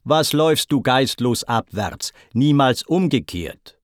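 In a dramatic verse reading, a blustering, boastful sea god , as a man puts him on declaims in a raised, strained voice, swooping widely up and down. He drawls his commands slowly and grandly, with a dry, close sound. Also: mid-range voice, lively intonation, dry recording. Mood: commanding. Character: boastful, blustering male sea god, proud and hot-tempered.

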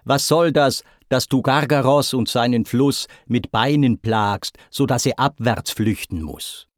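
In a dramatic verse reading, a blustering, boastful sea god , as a man puts him on declaims in a raised, strained voice, swooping widely up and down. He drawls his commands slowly and grandly, with a dry, close sound. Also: medium pitch, big pitch swings, no echo. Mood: commanding. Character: boastful, blustering male sea god, proud and hot-tempered.

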